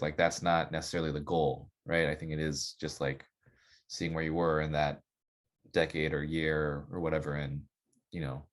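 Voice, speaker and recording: A man, a saxophonist guest on a podcast, chatting casually and loosely, full of "like" and "you know". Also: extremely low pitch. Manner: relaxed, rambling, filler-heavy with many "like" and "you know".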